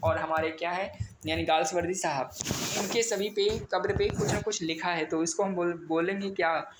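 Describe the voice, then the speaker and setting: A man's voice: high voice, fairly even intonation, normal speed. A man teaching an exam vocabulary lesson, spelling words out letter by letter and mixing in English definitions. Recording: echoey room with faint ambient noise.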